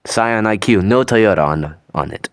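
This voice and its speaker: A man's voice: on the low side, animated, normal speed, background noise. A young man hosting his own reaction video, chatting casually and rambling, often trailing off with "so yeah". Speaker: channel host reacting to a video.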